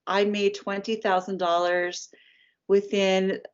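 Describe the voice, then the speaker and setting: A woman in her fifties telling the story of her career as a guest in an interview, lively and chatty. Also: mid-range voice, slow, clear, resonant tone. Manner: animated storyteller, acts out quoted voices. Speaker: licensed artist, guest. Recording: dull lo-fi sound.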